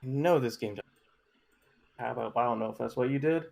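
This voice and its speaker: A man's voice: mid-range voice, fairly quick, creaky, darkish tone. Man on a choppy call, words cut off. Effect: choppy mic dropouts cutting off sentence endings. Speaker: co-host of a gameplay stream. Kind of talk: casual chat over a voice call.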